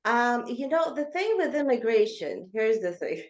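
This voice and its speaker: A woman's voice: fairly high pitch, sing-song. A woman in her thirties, from Georgia, a guest author telling her life story in an interview with earnest, hesitant phrasing full of ums. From Georgia (former Soviet Union). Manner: earnest, frequent ums, speeds up and slows down. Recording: echoey, dull lo-fi remote audio.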